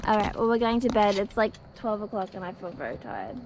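A woman's voice: mid-range voice, big pitch swings, a little fast. A young Australian woman vlogging a camping trip, chatty and upbeat with casual slang, recorded outdoors on a camera. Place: outdoor beach campsite. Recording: outdoor camera with clear background noise.

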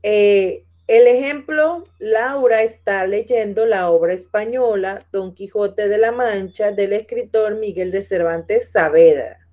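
A woman's voice: mid-range voice, slow, mellow. A woman teacher giving patient class instructions, repeating each point and speaking to her students by name. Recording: dull lo-fi audio.

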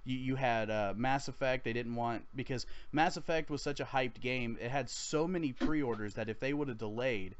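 A male podcast host talking casually about games in long, rambling sentences that often restart. His voice sits at a middle pitch. The audio is dull and lo-fi. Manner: rambling, restarts, laughs easily.

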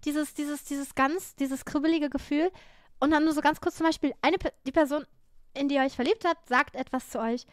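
A woman's voice: sits high, steady tone, moderate pace, dry recording, studio quality. A young woman streaming, chatting casually in a playful, rambling way, nervous and jittery. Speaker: livestreamer.

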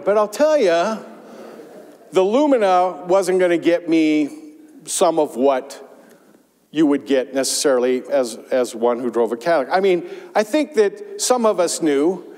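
An older man, a pastor, giving a conversational, animated sermon with rhetorical asides, on a lapel mic in a large church. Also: a little high. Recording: church sanctuary reverb.

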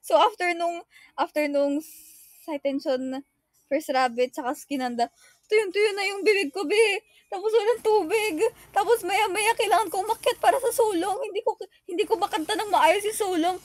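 A woman's voice: extremely high pitch, normal speed, dry recording. A young woman chatting casually with fans on a livestream, giggly and emotional, mixing English into her talk. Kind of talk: casual livestream chat reading fan comments.

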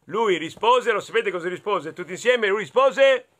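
A man from Italy reading a picture book aloud to children, playful and animated, inviting them to join in. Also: high voice, normal speed, very noisy. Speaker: children's storyteller.

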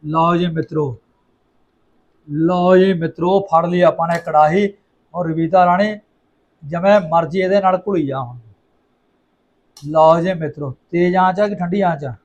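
High-voiced, exclamatory Punjabi man. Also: a little slow, long pauses. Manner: exclamatory and playful, repeats phrases. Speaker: home cooking vlogger. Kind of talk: casual chat to viewers while cooking.

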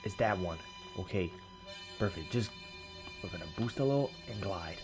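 A man hosting a let's play, excitable and swearing, with sudden shouts. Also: sits low, moderate pace, music in the background. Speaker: gaming channel host.

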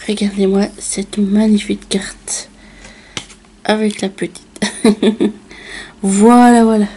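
Woman, slightly hoarse, unhurried casual unboxing chatter, low-key mellow tone. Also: a little hiss or hum. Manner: chatty, fond of filler words and small laughs. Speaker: card unboxing vlogger.

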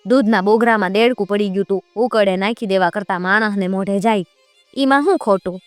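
A proud, sharp-tongued young herdswoman, voiced by a woman storyteller. She snaps back in a cutting, matter-of-fact way, her voice a little raised. It sits in a folk tale told aloud. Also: medium pitch, fairly quick, dry recording, soft background music, natural voice. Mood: scornful.

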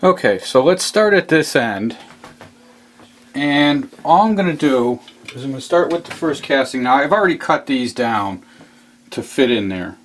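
A model railroad hobbyist works at his layout in a hobby room, casually narrating a step-by-step how-to and repeating himself as he explains. His medium-pitched voice is animated, his pace moderate, and there's slight background noise.

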